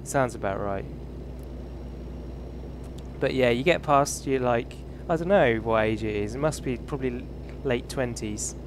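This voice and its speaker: While streaming a driving game, this man from England, in his thirties, rambles casually and pokes fun at himself in a British accent. He talks at medium pitch, unhurried, pausing often, over the game's truck engine and road sounds.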